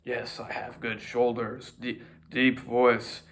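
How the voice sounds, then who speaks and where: Speaking slowly in a mid-range, slightly bright voice with little pitch movement, this man delivers a casual, rambling fitness vlog. He addresses the camera in front of him, mocking himself while he shows off poses.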